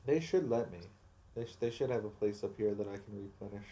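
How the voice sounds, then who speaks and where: Man, game streamer, lowish mellow voice, casual commentary, musing aloud. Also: brisk.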